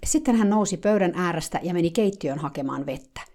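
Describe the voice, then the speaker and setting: A woman's voice: lowish voice, animated, dark tone. Woman telling a dramatic diary story. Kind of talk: first-person diary storytelling.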